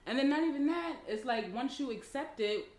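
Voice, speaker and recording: A woman's voice: sits high, lively intonation, fairly quick, darkish tone. A woman co-hosting a podcast in casual chat, blunt and profane, laughing often. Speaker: podcast co-host. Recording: echoey room.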